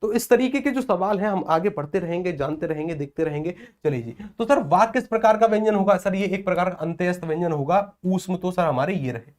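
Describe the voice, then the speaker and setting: Lively Hindi teacher, man, fairly high voice. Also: brisk, hardly any pauses. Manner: lively, asks and answers his own questions; playful, acts out village celebration chants. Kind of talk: exam-prep classroom lecture.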